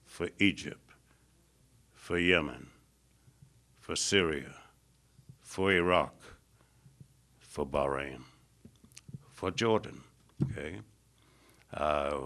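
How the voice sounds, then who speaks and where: A low-pitched American man with a gravelly edge delivers a public lecture. He builds emphatic lists, climbing in pitch as he drives a point home, and pads his phrasing with "uh" fillers. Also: fairly bright tone. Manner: frequent "uh" fillers. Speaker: foreign policy lecturer.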